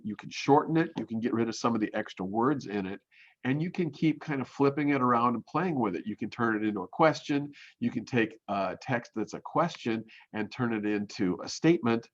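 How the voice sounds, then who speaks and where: A man teaching graphic design in a recorded demo, talking in a halting way with many ums and restarts. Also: medium pitch. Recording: muffled lo-fi audio.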